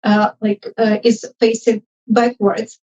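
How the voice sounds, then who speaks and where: A woman who isn't a native English speaker, a junior UX designer in the audience, gives informal spoken feedback and asks questions. Her voice is a little high and darkish, level in tone and slow, and she sounds hesitant, tentative and apologetic. The live event audio is muffled, picked up by a distant mic.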